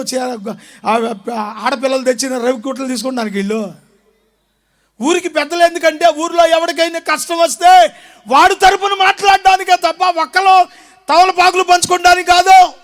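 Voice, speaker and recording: High-pitched Andhra pastor shouting a sermon. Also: male voice, steady tone, moderate pace, pauses often. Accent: Andhra Telugu. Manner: dramatic storytelling, acting out village elders; shifts between soft asides and loud shouts.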